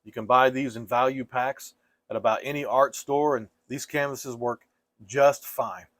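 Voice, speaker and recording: A man teaching painting step by step in a casual, gentle and reassuring way, like an easygoing instructor. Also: medium pitch, fairly even intonation, measured pace, no room sound.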